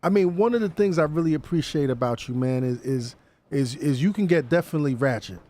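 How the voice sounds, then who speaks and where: A middle-aged man hosting a podcast, asking questions in an animated way and often repeating his words. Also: fairly high pitch, fast talker. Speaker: podcast host. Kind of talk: casual interview chat.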